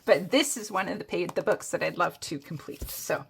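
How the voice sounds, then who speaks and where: A woman's voice: fairly low pitch, moderate pace, creaky, a little hiss or hum. A woman casually chatting on a hobby vlog, rambling through her plans with lots of fillers and restarts. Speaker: coloring hobby vlogger. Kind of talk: casual show-and-tell chat.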